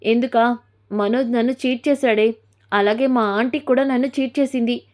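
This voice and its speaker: A woman plays a wounded, self-pitying young wife in a retold family drama. She complains in an aggrieved, fairly high voice. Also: fairly even intonation, normal speed, darkish tone, close to an everyday voice.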